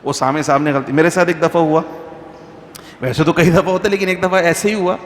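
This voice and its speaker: A mufti with a fairly high, steady voice gives an informal religious talk to a mosque congregation, conversational and full of anecdotes, slowly chanting Quranic verses. The recording has faint background noise and long reverb.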